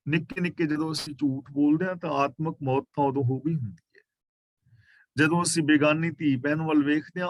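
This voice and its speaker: Male preacher with a Punjabi accent, fairly high voice, slowly chanted verses then plain explanation, dry close recording. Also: no echo. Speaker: katha preacher. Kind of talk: scriptural exposition.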